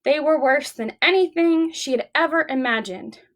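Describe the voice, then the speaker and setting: A woman whose voice sits high leads storytime at the library, reading to young children and speaking with them expressively and deliberately.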